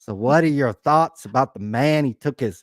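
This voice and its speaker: A man's voice: medium pitch, moderate pace, no echo, clean studio sound. A man co-hosting a live sports card radio show in casual, profane, emphatic and joking chat.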